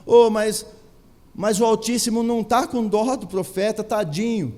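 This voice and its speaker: A man with a Brazilian Portuguese accent preaches a sermon in a notably high voice, driving his points home with repetition and rhetorical questions. His words ring out with a long reverb, as in a large church hall. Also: steady tone, normal speed, warm tone. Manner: emphatic preaching, rhetorical questions, repeats phrases. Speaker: pastor.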